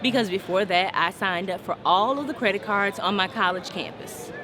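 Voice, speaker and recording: A woman's voice: medium pitch, normal speed, crowd noise. A woman being interviewed tells a candid, reflective personal story.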